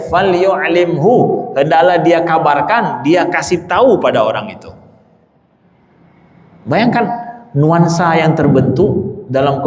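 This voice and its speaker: A man giving a mosque sermon with questions from the congregation, speaking in an animated way with rising emphasis, repeating phrases and addressing the listeners directly. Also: a little high. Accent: Indonesian. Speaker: ustadz giving a mosque lecture. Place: large mosque hall. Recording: echoey mosque hall.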